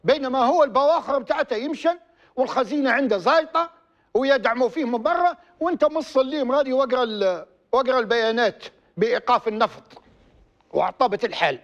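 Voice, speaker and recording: Libyan male TV host, very high and animated voice, heated scolding commentary, dull lo-fi sound. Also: quick pace. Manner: heated, rhetorical, scolding questions. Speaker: TV program host. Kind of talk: political commentary to camera.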